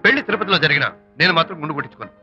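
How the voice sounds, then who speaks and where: A cheerful groom listing conditions, lively and bright, dull lo-fi film audio. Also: male voice, on the high side, very fast. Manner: breezy, mixes English into Telugu, playful. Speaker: groom-to-be setting wedding conditions. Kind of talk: film comedy dialogue. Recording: dull lo-fi film soundtrack with music.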